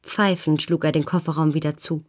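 A woman calmly narrating a novel in the first person as an audiobook reader. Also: sits low, a little fast.

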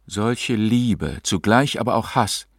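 Man doing a spooky medium lady in a trance, slow and hushed, dry close sound. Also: lowish voice, animated, husky, no echo, heavily acted. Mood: entranced. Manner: soft, slow, entranced.

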